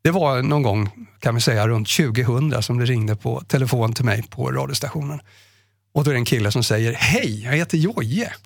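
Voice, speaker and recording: A male radio host with a gravelly, husky voice tells stories from his years on air in an emotional, heartfelt way. The sound is dry and close. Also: medium pitch, no echo. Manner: emotional, acts out quoted callers in his retelling. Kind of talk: conversational storytelling.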